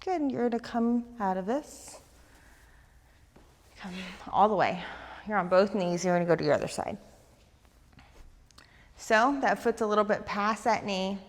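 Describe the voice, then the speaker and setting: A woman leading a guided stretching class, talking fast and eagerly as she gives coaching cues. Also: medium pitch, big-room sound. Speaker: fitness instructor.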